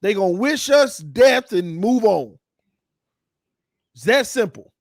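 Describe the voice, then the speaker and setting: A man hosting a fan talk show, fired up and shouting as he rants. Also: sits high, expressive, slow pace, creaky, no room sound, clean studio sound. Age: 30s. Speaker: fan channel host.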